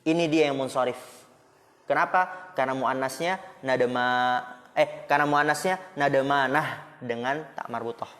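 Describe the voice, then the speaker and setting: Steady in tone and fairly bright, a medium-pitched male voice moves at normal speed through an Arabic grammar lesson. The Islamic school teacher keeps the class loose with rhetorical questions and jokes. His boarding school classroom echoes with a long hall reverb.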